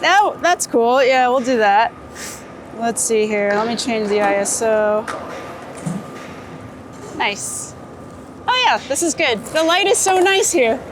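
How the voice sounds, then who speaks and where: A photographer chats casually while shooting street portraits under a city bridge, easygoing and giggly as she's interviewed. Her voice is a little high and animated, and she speaks slowly with long pauses. City and traffic noise fill the outdoor recording.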